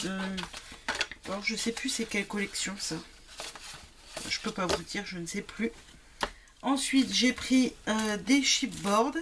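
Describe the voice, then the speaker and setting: A woman's voice: mid-range voice, a little hiss or hum. A woman casually presenting craft supplies she bought, hesitant and full of fillers, apologizing now and then. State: married adult. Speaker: craft vlogger. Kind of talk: casual product haul chat.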